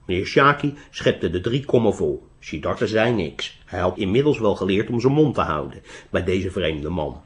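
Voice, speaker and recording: A man narrating a storybook tale in an expressive reading voice. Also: low voice, normal speed.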